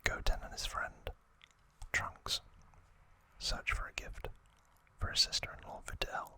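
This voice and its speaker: In this ASMR clip, a male host breathes out bits of trivia in a hushed whisper, speaking in brief, stop-start phrases.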